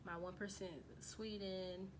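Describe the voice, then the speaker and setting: In a casual vlog, a woman from the United States reads results off a screen, her talk loose and dotted with fillers and restarts. The mid-range voice has little pitch movement and an unhurried pace, and the background is noisy.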